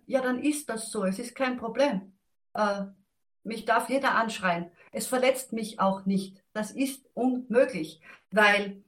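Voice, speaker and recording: A woman speaking gently and reflectively about letting go of anger, thinking aloud as she goes. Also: fairly high pitch. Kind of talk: calm talk on self-help and letting go.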